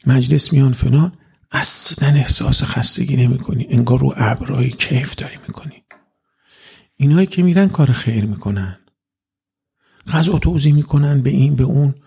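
A man giving an informal religious talk to an audience, speaking conversationally and acting out quoted exchanges with sudden jumps in pitch. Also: creaky, mellow, husky. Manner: conversational, acts out quoted dialogue with rising pitch. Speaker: religious lecturer.

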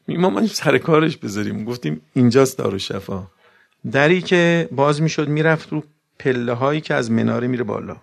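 A man's voice: medium pitch, lively intonation, creaky. A man preaching a sermon to a gathering, mixing recited Arabic verses into plain talk and often putting questions to his listeners.

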